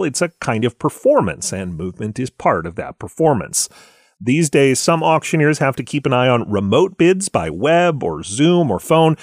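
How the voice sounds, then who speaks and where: A male podcast host reads his script with an upbeat, radio-trained delivery. His pitch swings widely from line to line. The recording is close and dry, with no room sound. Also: no room sound. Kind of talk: scripted radio-style narration.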